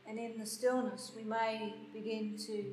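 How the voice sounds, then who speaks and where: Woman doing a guided meditation, hushed n soft, long pauses, roomy sound w faint music. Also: a little high, flat delivery. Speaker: podcast host and meditation guide.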